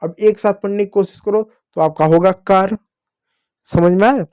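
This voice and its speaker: High-voiced man teaching phonics. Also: fairly even intonation, moderate pace, a little mellow, no echo, studio quality. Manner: patient, repeats questions and answers them himself. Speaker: English teacher. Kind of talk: classroom-style phonics lesson.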